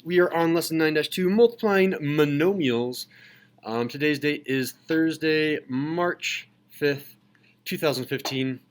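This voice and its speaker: A man's voice: fairly high pitch, a little slow. Man teaching algebra to a class. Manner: calls on students, asks questions. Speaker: math teacher. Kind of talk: classroom lecture.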